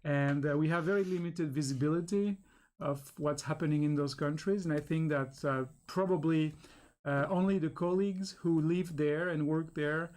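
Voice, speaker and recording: A male researcher answering a panel question, measured, with many fillers. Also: fairly high pitch, darkish tone.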